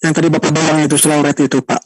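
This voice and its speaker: A man's voice: fairly high pitch, level tone, racing, breathy edge, no echo. A man asking a hesitant, polite question over a video call. His audio cracks and distorts. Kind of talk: online class question.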